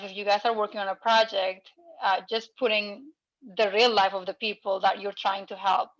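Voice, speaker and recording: An earnest woman from Ethiopia speaks at an online club meeting, pausing as she searches for words. Her delivery stays flat and even. The audio sounds slightly dull and lo-fi. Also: mid-range voice. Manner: earnest, unpolished phrasing with pauses. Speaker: Rotary club member, project leader.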